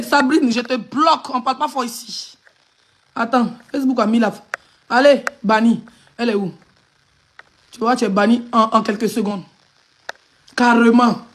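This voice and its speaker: A woman's voice: high-pitched, fairly bright tone. A woman with an Ivorian French accent on a phone live stream, hurling insults and mocking laughter in an angry rant.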